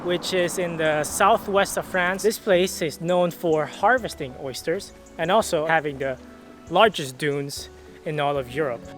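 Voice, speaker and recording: A young man talks through his road trip in a chatty, explanatory way, his voice sitting a bit higher than most men's. Faint music plays underneath as he narrates. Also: measured pace. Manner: chatty, explanatory tour-guide delivery. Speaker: travel vlogger. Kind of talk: casual travel vlog narration.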